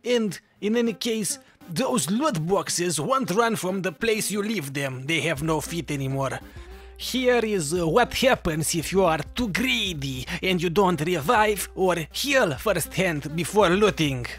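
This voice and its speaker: High-pitched, slow man with Russian accent. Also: expressive, a bit bright. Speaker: gaming video creator giving tips. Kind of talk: scripted tutorial narration over gameplay. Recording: music behind the voice. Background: background music.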